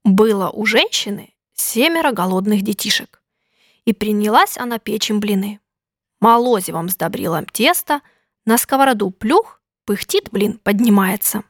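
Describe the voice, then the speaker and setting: A woman narrating a folk tale in a rhythmic, lively storytelling manner. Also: mid-range voice, moderate pace, dry recording, studio quality.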